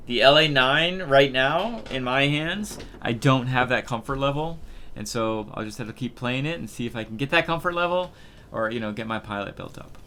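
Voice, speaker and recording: A man in his thirties talks through a match in casual gameplay commentary. His voice is bright and forceful at a middle pitch, and he rambles, stopping and restarting his sentences with plenty of fillers. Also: moderate pace, a little hiss or hum. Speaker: gaming video host.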